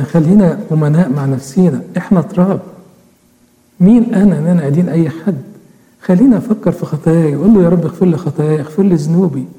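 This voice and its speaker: A man's voice: on the high side, warm tone. A man with an Egyptian Arabic accent preaching a sermon, earnestly questioning his listeners directly. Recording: echoey hall with long reverb.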